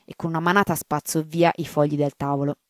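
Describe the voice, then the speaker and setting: A woman reading a serialized story aloud for radio in a measured, theatrical way. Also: sits low, flat delivery, no room sound, studio quality. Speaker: story reader.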